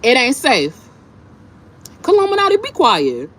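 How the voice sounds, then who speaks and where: Her pitch swoops wildly in a high-pitched voice at a measured pace as she eats and chats with her livestream viewers. This female host's casual, impassioned monologue is blunt, emphatic and repetitive, full of profane slang. There is clear background noise.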